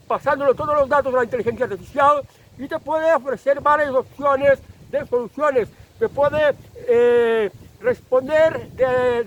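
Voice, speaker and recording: A man from delivers a long political opinion monologue as a channel host. His voice sits very high for a man. He hammers his points through repetition and fills his pauses with small hesitations. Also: slight background noise, poor audio. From Spain. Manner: insistent, repetitive, pauses with fillers.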